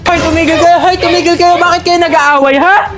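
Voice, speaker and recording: An actress playing an angry, protective mother in a Filipino TV drama, shouting and quarrelling with a Filipino accent. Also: extremely high pitch, steady tone, a little fast. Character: angry protective mother scolding another's child, combative. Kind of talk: Filipino television drama acting. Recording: loud music over dialogue.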